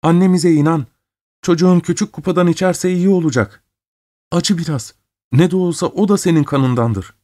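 A man's voice: fairly high pitch, moderate pace, warm tone, pitched above the performer's own voice, close to an everyday voice. A man voicing a poor mother pleading with her cold brother, crying out in despair. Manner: desperate, crying out.

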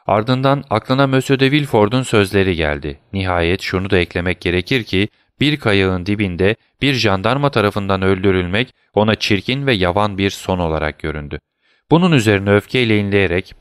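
A man narrating a classic novel as a steady, measured audiobook reader. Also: lowish voice, smooth, dry recording, studio quality.

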